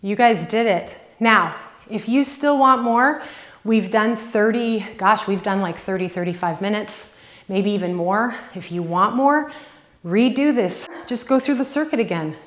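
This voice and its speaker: A woman fitness instructor guides a workout from her home, calling out counts and cues at a slow, deliberate pace. Her voice sits in a middle register, and she encourages the viewer as she coaches through each rep. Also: mid-range voice, a bit bright. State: out of breath at times.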